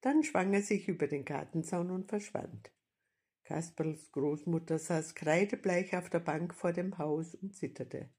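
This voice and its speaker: A woman reads a children's story aloud at a slow, unhurried pace. Her voice is breathy and fairly low for a woman, and it stays calm and steady throughout. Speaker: narrator. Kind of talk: storybook reading.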